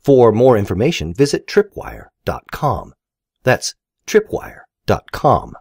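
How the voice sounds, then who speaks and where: A man's voice: medium pitch, wildly swooping pitch, slow pace, gravelly, darkish tone, husky, dry recording, clean studio sound. A man announcer delivering a polished, scripted sponsor message. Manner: polished, promotional.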